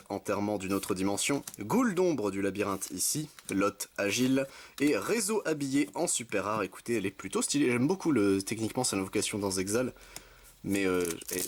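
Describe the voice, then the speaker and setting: A young man casually commenting while opening trading card packs, listing card names and adding quick asides. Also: on the low side. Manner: chatty, reads card names in quick lists, self-correcting asides. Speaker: card-opening video host. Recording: faint background noise with card crinkling.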